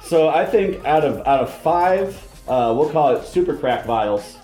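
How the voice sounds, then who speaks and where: A man's voice: a little high, measured pace, soft background music. Guy retelling a movie scene by scene, does the lines himself, echoey room. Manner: animated retelling, acts out quotes. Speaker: podcast co-host. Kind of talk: casual movie review chat. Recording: roomy echo.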